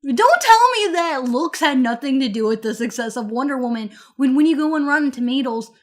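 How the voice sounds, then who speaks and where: Female podcast co-host with a high voice; giggly and tipsy, swears freely, argues hard and bluntly. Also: expressive, fairly quick. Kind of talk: heated casual debate.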